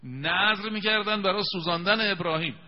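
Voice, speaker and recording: A man preaching a televised religious sermon, telling stories with emphasis and slowing down to recite scripture. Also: high-pitched. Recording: dull lo-fi sound with long reverb.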